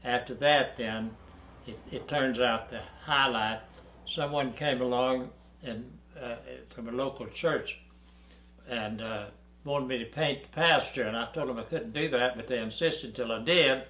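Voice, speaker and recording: An elderly man from Arkansas tells stories from his life at an easy pace, dry and wry, chuckling now and then. His voice sits at a middle pitch and carries a roomy echo in the room. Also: bright, forceful tone. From Arkansas, USA. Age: 80s. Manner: dry, unhurried storytelling with chuckles. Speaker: interviewee. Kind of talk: reminiscing interview. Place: dark studio backdrop, indoors.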